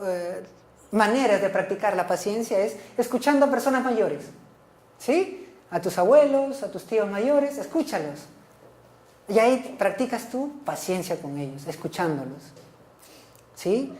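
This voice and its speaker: A woman's voice: medium pitch, mellow, roomy sound. A woman teacher giving a recorded class lecture, explaining points and often checking in with her listeners. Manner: instructive, asks frequent checking questions like "¿ok?" and "¿sí?"; repeats and rephrases key points.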